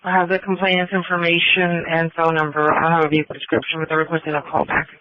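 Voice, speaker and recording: A woman's voice: sits low, little pitch movement, fast. Woman dispatcher on tinny, static-burst radio. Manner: procedural, clipped radio phrasing. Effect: two-way radio transmission with static bursts. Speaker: emergency dispatcher. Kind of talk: radio dispatch traffic, reading out numbers and details. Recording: tinny, phone-like police scanner radio.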